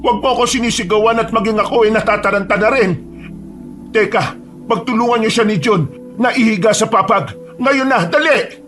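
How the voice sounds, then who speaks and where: Give me a man playing a commanding older village mother in a horror story, high voice. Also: fairly quick, fairly bright tone, faint music behind. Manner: commanding, urgent.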